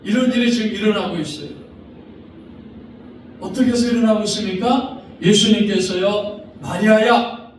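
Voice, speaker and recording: A man's voice: high voice, normal speed, pauses often, slight background noise. A male pastor preaching a sermon, acting out the people in the story with dramatic voices. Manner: acts out the figures' lines in dramatic voice. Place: church sanctuary. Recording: distant mic in an echoey church hall.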